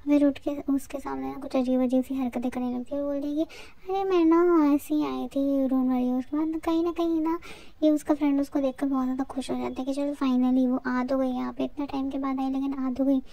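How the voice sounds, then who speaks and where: A woman's voice: high-pitched, level tone, fast talker, creaky, dark tone. A woman retelling the plot of a drama in a chatty, informal way, slipping English words into her storytelling. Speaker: drama recap narrator. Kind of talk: casual storytelling recap.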